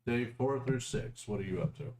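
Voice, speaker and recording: A man's voice: medium pitch, moderate pace. A man acting as game master, narrating and chatting casually with his players at a tabletop game. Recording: echoey room with noise.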